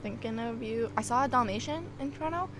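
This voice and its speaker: A woman's voice: a little high, fast. A woman in her twenties co-hosting a podcast outdoors, chatting casually and laughing often. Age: 20s. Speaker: podcast co-host. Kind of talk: casual chat. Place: outdoors at a cookout.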